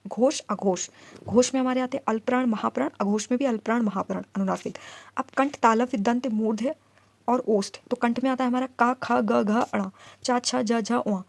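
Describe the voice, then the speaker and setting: This woman's voice is fairly high and gravelly as she teaches exam-prep grammar. She asks questions of the class and answers them herself, then goes through letter sounds in slow lists.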